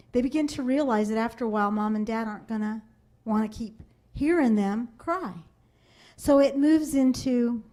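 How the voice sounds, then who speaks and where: A woman's voice: mid-range voice, dark tone. A woman sales trainer speaking to a seminar audience in a room, telling stories and acting out family voices. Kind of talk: seminar talk to a live audience.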